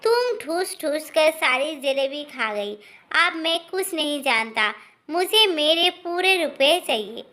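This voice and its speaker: A pushy, haggling male sweets seller, as a woman storyteller plays him, voiced high and slow. He insists stubbornly on being paid. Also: very animated, bright, forceful tone, full character voice. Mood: insistent.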